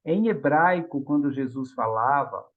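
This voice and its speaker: A middle-aged Brazilian man lectures with a lively, sweeping pitch and acts out the voices in his stories. The recording sounds dull and lo-fi. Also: measured pace. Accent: Brazilian Portuguese. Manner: animated storytelling, acts out quoted voices. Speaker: spiritist lecturer. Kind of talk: public lecture on the gospel.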